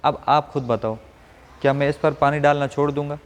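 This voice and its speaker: A man from Rajasthan teaching Quran pronunciation to a class, asking questions and modeling each sound slowly. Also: fairly high pitch, steady tone, big-room sound, slight background noise. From Rajasthan, India. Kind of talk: classroom lesson.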